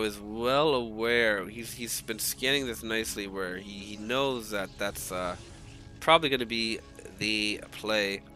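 Still groggy from just waking up, an esports caster covers a strategy game live in loose, rambling play-by-play, often restarting sentences and cursing now and then. His fairly low voice nonetheless has a bright, forceful edge, with faint music underneath.

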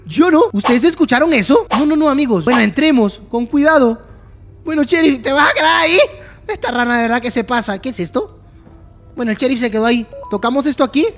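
A gameplay channel host who gives excited commentary, exclaims and jokes at the game, and reads the on-screen text aloud. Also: high voice, brisk, faint music behind.

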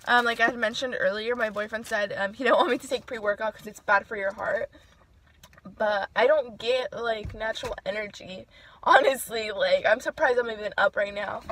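A woman's voice: on the high side, normal speed, fairly bright tone. A young woman chatting casually into her phone camera while getting ready for the gym, talking freely and swearing often. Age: young adult. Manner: chatty and profane, with many fillers. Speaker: vlogger. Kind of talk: casual vlog chat. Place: home, then car.

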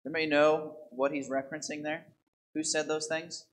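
Priest explaining scripture from a pulpit. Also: male voice, on the high side, little pitch movement, a little fast, poor audio. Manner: explanatory, asks the congregation rhetorical questions. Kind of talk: homily at daily Mass. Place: church sanctuary, at the pulpit. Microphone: pulpit microphone.

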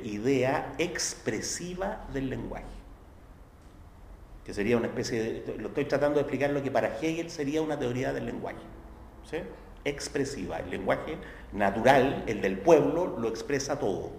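A man with a Chilean accent giving a university philosophy lecture in a conversational way, checking understanding with tag questions and acting out quoted voices. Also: vocal fry. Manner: acts out quoted voices with sharp pitch jumps. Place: lecture hall. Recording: echoey hall, faint background noise.

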